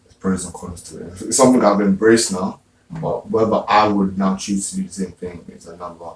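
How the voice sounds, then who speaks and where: A man's voice: low-pitched, steady tone, fairly quick. A man in a casual group discussion, talking reflectively and searching for his words. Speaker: guest. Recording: echoey room, distant mic, faint noise.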